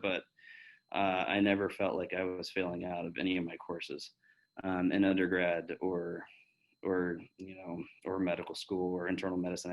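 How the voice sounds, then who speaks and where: A man's voice: sits low, low-quality recording. A man in his thirties, a physician talking casually to pre-med students and answering their questions in a candid, chatty way with plenty of fillers and restarts. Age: 30s. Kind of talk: casual Q&A talk.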